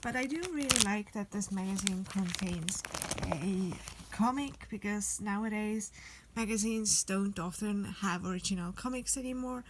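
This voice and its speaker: Speaking at a medium pitch and moderate pace over some background noise, a young vlogger from Estonia narrates a casual voice-over. She's chatty and enthusiastic, and the word "really" keeps coming up.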